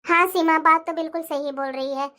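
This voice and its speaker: A woman's voice: very high voice, steady tone, fairly quick, sharp tone. A woman voicing a gossiping middle-aged neighbour in a cartoon, sceptical and chatty. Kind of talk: animated cartoon voice acting.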